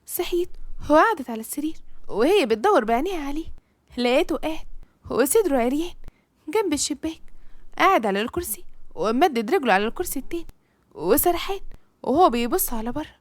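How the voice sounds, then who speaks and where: A woman with an Egyptian accent narrating a serialized story in a brisk, expressive reading. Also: sits high, dry recording. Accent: Egyptian Arabic.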